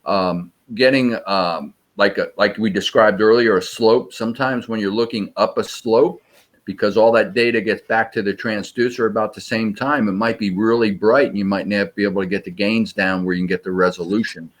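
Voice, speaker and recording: A sonar search trainer with a fairly low, steady voice answers interview questions, explaining search techniques step by step. He's practical and measured, like an instructor responding to questions.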